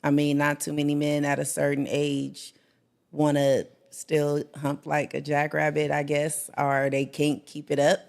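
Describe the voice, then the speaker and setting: A woman with a low, monotone voice, darkish tone and vocal fry speaks at a measured pace. She's a guest co-host on a casual talk show, chatting in a laid-back, blunt way and laughing easily.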